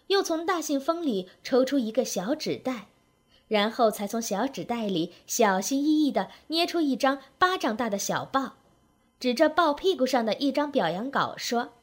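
A woman telling a humorous story aloud, with wry, lively narration and rhythmic phrasing. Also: high voice. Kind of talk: spoken comic storytelling.

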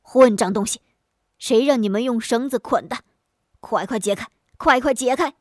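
A woman voicing a pompous, corrupt male county magistrate who shouts his orders in a storytelling recording. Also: mid-range voice, measured pace, no room sound, clean studio sound. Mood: angry bellowing. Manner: loud bellowing shouts.

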